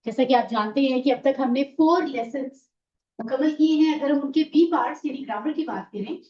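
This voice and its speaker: Female teacher, high voice, leads a religious lesson, heard from a distance in an echoey, dull-sounding classroom. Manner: warm explanatory, mixes English words into the talk.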